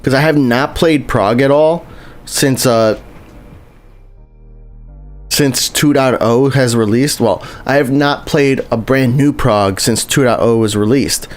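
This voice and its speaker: In an unhurried, mid-range voice, a man plays a game on a live stream while faint music runs underneath. He chats loosely with his audience, says hi to chat viewers, and often starts sentences over.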